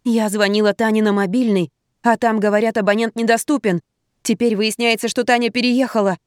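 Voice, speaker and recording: A woman reading an audiobook, voicing a frightened, timid female friend who pleads softly over the phone. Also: on the high side, steady tone, fairly quick, no echo, clean studio sound, natural voice. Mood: pleading.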